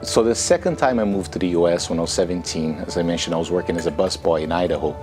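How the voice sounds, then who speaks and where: A Brazilian man in his thirties, a native Portuguese speaker, gives an earnest, reflective personal testimonial in English while promoting his book as an author and entrepreneur. His deep voice moves fast, with music playing behind him.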